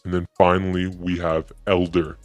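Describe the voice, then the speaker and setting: A man's voice: low-pitched, level tone, normal speed, no room sound, lo-fi sound, soft background music. A man demonstrating a hardware voice changer, his voice morphing through robot, monster, baby and elder presets. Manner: plain, matter-of-fact demonstrating. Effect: morphing voice changer cycling presets (robot, monster, baby, elder). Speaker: product reviewer. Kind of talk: hardware demo.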